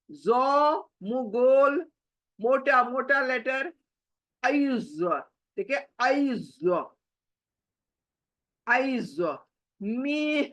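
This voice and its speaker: Woman tajweed teacher, very slow drilled repetitions, slightly high voice. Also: a bit bright. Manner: repeats each word slowly, mixing Hindi with English words. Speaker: Quran recitation teacher. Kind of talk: slow tajweed pronunciation lesson.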